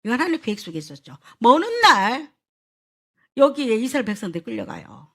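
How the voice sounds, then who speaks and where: A woman pastor preaching a sermon, telling stories in an animated way and addressing the congregation directly. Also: a little high, fairly quick.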